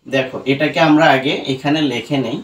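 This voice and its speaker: A man teaching English pronunciation to students, explaining rules slowly and repeating sounds syllable by syllable. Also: mid-range voice, fairly even intonation, distant mic, rough recording. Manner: slow and repetitive, breaking words into syllables.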